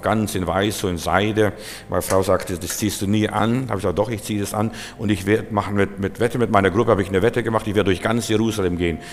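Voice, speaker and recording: A man from Germany preaching a sermon, lively and emphatic, telling anecdotes. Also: on the low side, big-room sound.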